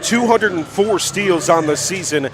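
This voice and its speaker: There's noise in the background as an American play-by-play announcer runs through basketball statistics before the game on radio, stressing each one. His voice sits high, and he doesn't hurry.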